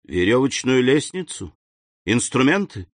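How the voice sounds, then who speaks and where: A man voicing a grave, noble middle-aged count, calm and measured in an audiobook reading. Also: on the low side, no room sound. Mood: intent.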